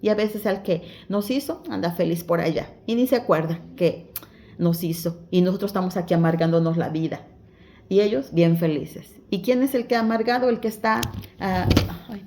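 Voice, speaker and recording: A woman's voice: mid-range voice, warm tone, a little hiss or hum. A woman giving a devotional Bible explanation, exhorting her listeners as dear ones in simple, conversational preaching. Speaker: Bible study teacher.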